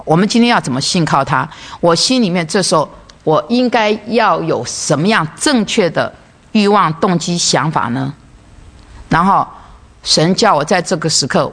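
A woman's voice: low-pitched, vocal fry. A woman preaching a sermon, asking rhetorical questions and acting out everyday conversations. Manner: asks rhetorical questions and acts out everyday dialogue.

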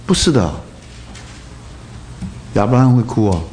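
A male preacher giving a sermon, throwing rhetorical questions at the congregation and swinging between loud bursts and soft asides. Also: medium pitch, sing-song, normal speed.

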